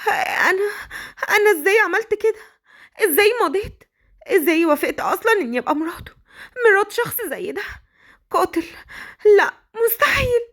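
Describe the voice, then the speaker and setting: A woman voicing a frightened young captive bride, pleading in a high, tearful Egyptian voice. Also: very animated, quick pace, fairly bright tone. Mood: terrified. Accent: Egyptian Arabic.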